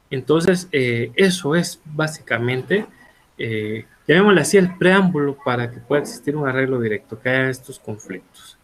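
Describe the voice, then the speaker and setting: A man teaching a law class in a relaxed, conversational way, asking rhetorical questions and correcting himself as he goes. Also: a little high. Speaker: law lecturer. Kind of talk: online law class lecture.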